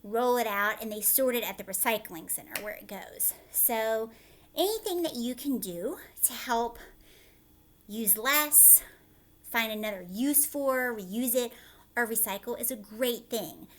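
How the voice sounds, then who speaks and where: This fairly high-pitched, fairly bright female voice moves at a measured pace as a teacher reads a picture book aloud to children. She mixes in chatty explanations in simple language and regularly checks in with brief questions.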